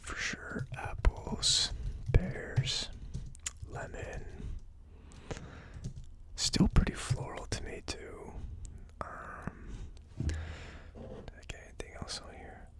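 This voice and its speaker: The host of a whiskey tasting series whispers ASMR-style, speaking slowly with long pauses. The delivery is tentative and musing.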